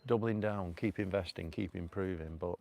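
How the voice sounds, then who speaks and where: A vlogger from North Manchester, England, with a gravelly, low, mellow voice and a Northern English accent, rambles at a moderate pace on a casual live stream. He's chatty, laughs often, and uses many fillers. He's outdoors at a rocky cove by a river, filming on a phone on a selfie stick.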